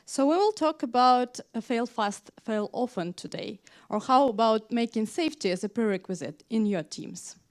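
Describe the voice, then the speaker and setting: A woman from Ukraine, in her thirties, delivers a conference talk on a stage mic. Her voice sits a little high, and her is full of hesitant fillers. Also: expressive, normal speed, few pauses. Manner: hesitant, frequent "uh" fillers, non-native grammar. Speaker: conference speaker, tech manager. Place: conference hall.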